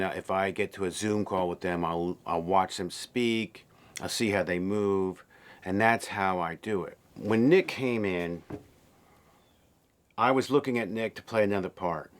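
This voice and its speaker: A man director talks about his cast in a relaxed, enthusiastic behind-the-scenes chat. His voice sits a bit low, and he often pauses to fill with ums. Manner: relaxed, enthusiastic, many fillers. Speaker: film director. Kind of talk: casual behind-the-scenes interview.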